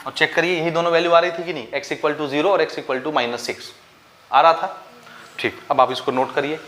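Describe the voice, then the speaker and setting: Teaching maths board-style in Hindi laced with English terms, a man with a Chhattisgarh accent walks through each step and answers his own questions to the class. His voice is on the high side and fairly bright, at a moderate pace, with a little hiss or hum.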